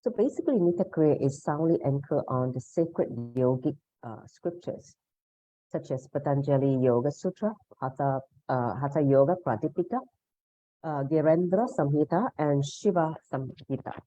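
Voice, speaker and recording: Over dull, muffled video-call audio with a dry sound, the meditation leader explains her online lesson devotionally and instructively. Her deep voice is warm and moves at a moderate pace.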